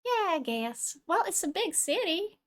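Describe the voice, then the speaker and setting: A woman's voice: very high voice, sing-song, measured pace, a bit bright. A woman playing a tabletop game, chatting casually in character.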